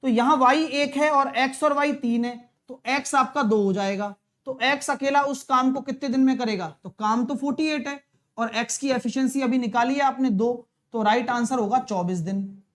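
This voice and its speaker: A male math teacher talking a live online exam-prep class through problems, brisk and coaxing, calling viewers brother and dear. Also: very high voice, fairly bright tone. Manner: brisk, coaxing, chatty, mixes English terms, calls viewers brother and dear.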